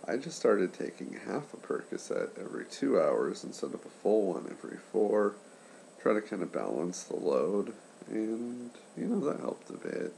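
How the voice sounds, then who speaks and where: Gravelly, low, congested young man, subdued. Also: sing-song, darkish tone, a little hiss or hum. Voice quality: congested, impaired articulation after throat and nose surgery. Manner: subdued, keeping voice down for a sleeper; halting, trailing pauses. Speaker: patient sharing surgery recovery. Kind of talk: casual vlog chat.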